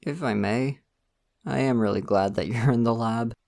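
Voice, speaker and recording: Speaking at normal speed in a creaky, medium-pitched voice close to how he'd sound every day, a young man portrays a friendly, somewhat shy college student for an ASMR roleplay. He's casual, soft-spoken and chatty, and laughs often.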